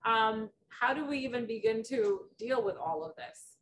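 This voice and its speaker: Expressive and fairly bright, with a slightly high pitch and normal speed, this Dominican podcast host in middle age runs a relaxed interview. She tells stories, chats freely and leans on fillers, recorded through a distant mic over faint background noise.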